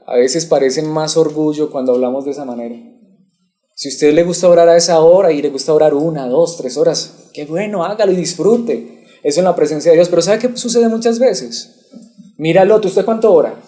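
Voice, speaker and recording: Preaching man with a mellow, fairly high voice. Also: normal speed. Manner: asks the congregation questions and waits for replies. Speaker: pastor. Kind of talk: expository sermon.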